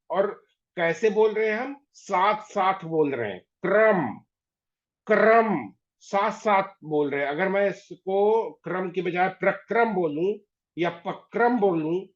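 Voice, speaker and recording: A man teaching an online class, patiently repeating words slowly to drill pronunciation. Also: high-pitched. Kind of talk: online class on Hindi spelling. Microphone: video call. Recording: dull lo-fi video call audio.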